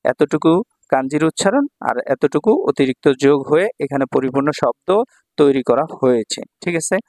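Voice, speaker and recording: A man's voice: medium pitch, a little fast, a little mellow, dry recording. A man from Bangladesh teaching a Japanese kanji lesson, patiently repeating each reading and meaning.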